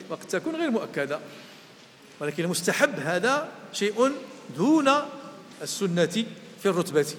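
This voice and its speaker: Moroccan male lecturer, high voice, patient and repetitive, recorded in a reverberant hall. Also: a bit bright, a little hiss or hum. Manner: explanatory, repeats key phrases, recites verse. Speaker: Islamic jurisprudence lecturer. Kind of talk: classroom lecture.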